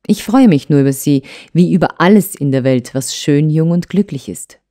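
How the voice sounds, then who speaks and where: A woman voicing a calm, composed older husband in a mellow, low-pitched voice. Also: dry recording, clean studio sound. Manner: calm and measured, turning serious.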